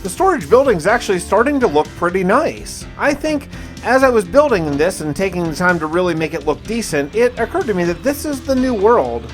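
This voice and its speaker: With music in the background, this roleplaying video host narrates a survival game in a brisk, sing-song, high-pitched voice. His storytelling is conversational and told in the first person.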